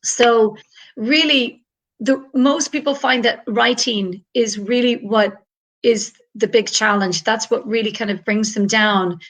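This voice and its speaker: On a rough recording, a fairly high, slightly bright female voice speaks slowly. She's an English tutor from Ireland, talking on a video call for an online panel in a chatty, upbeat manner full of fillers.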